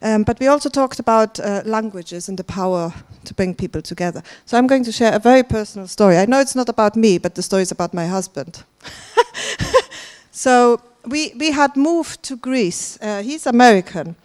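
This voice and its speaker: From the stage of a large conference hall, a German woman hosting the event talks with the audience and laughs a lot. Her voice is a little high with lively intonation and a darkish tone, at normal speed.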